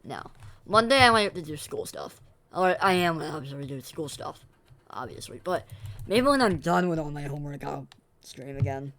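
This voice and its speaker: This is casual live-stream chatter from a young male gamer who rambles, backtracks and addresses his chat between reactions. His voice sits on the high side, sharp in tone and lively in intonation, at a moderate pace.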